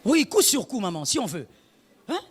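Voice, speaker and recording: A woman pastor, preaching an emphatic sermon full of rhetorical questions, slipping in Lingala phrases and shouting at the high points. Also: big pitch swings, normal speed, slightly rough, big-room sound.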